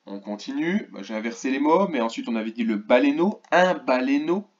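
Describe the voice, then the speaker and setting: Guy teacher doing a home video lesson for little kids, slow careful words, kinda dull lo-fi sound. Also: medium pitch, lively intonation. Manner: slow, clearly articulated, stretches key words; asks questions of an absent class. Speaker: primary school teacher. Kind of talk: remote lesson for first graders.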